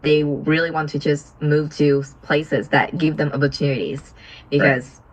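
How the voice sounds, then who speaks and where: Give me a young woman with a low voice on a video call, chatting in a friendly way and asking questions. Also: steady tone, normal speed, rough recording. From Vietnam. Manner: friendly, asks questions, fillers and soft laughs. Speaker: business partner. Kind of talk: casual video-call chat.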